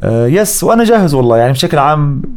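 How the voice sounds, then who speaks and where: Fast-talking Jordanian man in his thirties. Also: on the high side, sing-song, a little mellow. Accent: Jordanian Arabic. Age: 30s. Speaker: podcast guest, voice-over artist and content creator. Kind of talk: casual conversational interview, mixing in English words.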